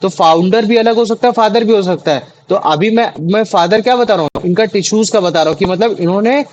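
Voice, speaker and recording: Young man, tutor, high voice, rambling fillers, faint background noise. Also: fairly quick, darkish tone, highs cut off. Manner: explains with many fillers and restarts. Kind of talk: online class teaching in Hindi.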